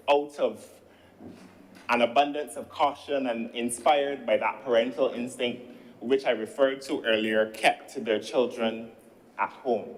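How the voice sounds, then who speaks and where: A man's voice: mid-range voice, a little hiss or hum, low-quality recording. A man in his thirties from Barbados with a Barbadian accent, giving a formal parliamentary speech as a senator and often addressing the chair. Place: legislative chamber.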